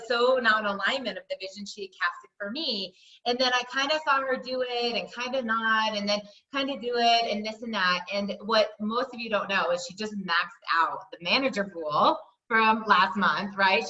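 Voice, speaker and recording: A woman hosting a team call in a casual, emphatic network marketing recruiter pitch, chatty and full of rhetorical questions. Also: bright, forceful tone, roomy sound, muffled recording.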